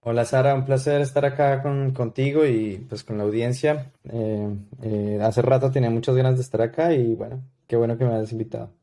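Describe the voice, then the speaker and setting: A man in his thirties with a Colombian accent, a podcast guest who tells his story slowly, with many fillers and restarts. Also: mid-range voice, flat delivery, mellow. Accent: Colombian Spanish. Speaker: guest consultant. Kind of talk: podcast interview.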